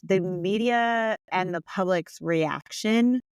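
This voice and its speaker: A woman's voice: mid-range voice, slow, smooth, no room sound. A woman co-hosting a podcast, explaining things in a casual conversational way. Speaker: podcast co-host.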